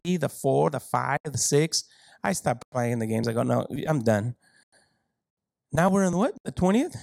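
Guy preaching a sermon, cracks jokes and laughs a lot, goes from low mutters to loud high shouts. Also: creaky, dry recording, rough recording. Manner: animated, joking asides, laughs often, big swings in pitch and loudness.

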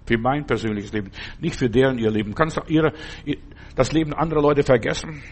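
A man's voice: medium pitch, a little fast, slightly rough. An older man giving an earnest sermon, exhorting his listeners and addressing them directly. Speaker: preacher.

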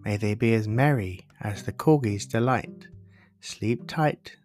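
A man reading a rhyming bedtime story aloud as a storybook narrator, in a measured delivery. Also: on the low side, darkish tone. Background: plucked guitar music.

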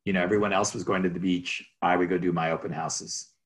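A man who works as a real estate agent, telling rambling, animated stories about his career in an interview. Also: sits low, fast. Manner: rambling, restarts, animated anecdotes. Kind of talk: storytelling in an interview.

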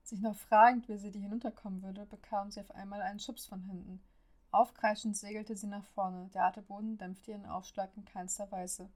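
Woman narrating a story in a flat voice. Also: medium pitch, fairly quick. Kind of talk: audiobook narration of an amateur story.

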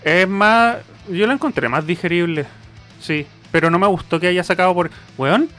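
An easygoing Chilean man co-hosts a stream, answering in short, dry remarks. His voice sits a little high for a man. Soft guitar music plays in the background. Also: normal speed. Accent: Chilean Spanish. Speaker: streamer co-host. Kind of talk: casual chat.

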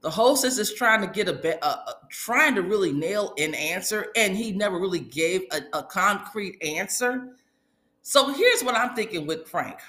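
A woman giving casual, opinionated reality TV commentary as a host, with colloquial sassy asides and animated retellings of what others said. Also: mid-range voice, moderate pace. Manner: animated retelling, acting out others' quoted remarks. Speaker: host of a reality TV recap show. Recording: echoey, reverberant room.

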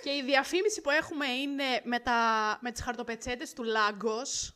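Young woman cohost, bright sharp voice, excited recapping, bit high. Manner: enthusiastic, recaps plot in detail. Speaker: podcast co-host. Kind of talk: casual chat recapping episodes.

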